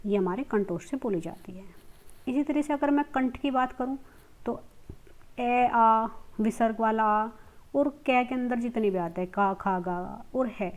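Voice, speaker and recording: Woman teacher, on the high side, patient lesson delivery that poses and answers its own questions. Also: darkish tone. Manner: explains step by step, repeats letter sounds slowly, asks and answers her own questions. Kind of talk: classroom grammar lesson.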